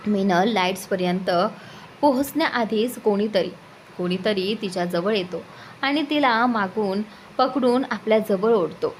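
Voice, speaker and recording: A woman narrating a romantic story as a storyteller in a steady, even reading voice. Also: medium pitch, a little slow, slight background noise, low-quality recording. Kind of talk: scripted narration.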